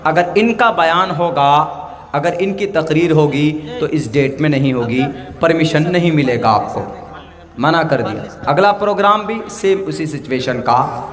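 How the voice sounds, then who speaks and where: A man from India gives a religious talk in a high voice that rings out through a reverberant hall. He tells his stories by acting out the dialogue, and he slows right down for carefully spaced English phrases. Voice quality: slow, deliberate English phrases. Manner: storytelling with acted dialogue. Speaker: Islamic preacher. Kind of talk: public religious speech.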